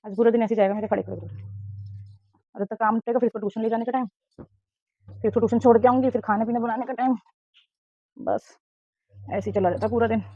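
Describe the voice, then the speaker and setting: At home, a mother chats casually as she does chores, talking to herself and scolding her kids between tasks. Her fairly high voice runs fast with fairly even intonation and long pauses. The indoor recording is dry and dull, lo-fi, with no room sound.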